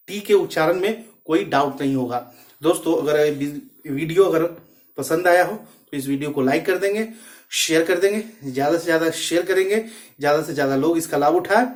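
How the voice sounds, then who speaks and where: A man's voice: on the high side, normal speed. A man teaching a patient, step-by-step pronunciation lesson, repeating each word and its meaning. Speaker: English teacher. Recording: echoey room, mic far off.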